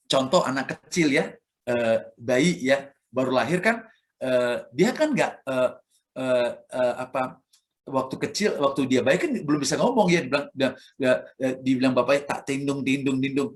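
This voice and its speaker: A man's voice: mid-range voice, animated, moderate pace. A man with an Indonesian accent, a church elder preaching a sermon who acts out sounds and examples as he speaks.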